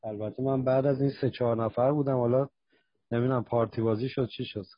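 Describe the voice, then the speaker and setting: A man's voice: medium pitch, steady tone, no echo. A man at a recovery meeting, talking plainly and conversationally with a slight joking touch, over an online call. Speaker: recovery meeting member sharing. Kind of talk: casual reflective sharing. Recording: dry, dull online call audio.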